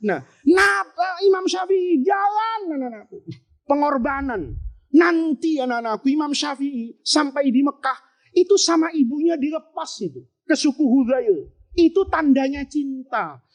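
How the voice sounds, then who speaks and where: High-voiced man preaching animatedly. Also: a little slow. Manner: animated, joking, rhetorical questions, sudden shouted bursts. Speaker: Islamic preacher teaching boarding-school students. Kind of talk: lively sermon with storytelling.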